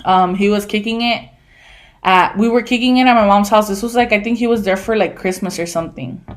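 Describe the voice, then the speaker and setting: A woman in her twenties telling stories on a casual podcast, animated, laughing and swearing, with lots of fillers. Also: mid-range voice, brisk. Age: 20s. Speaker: podcast co-host. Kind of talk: casual storytelling chat.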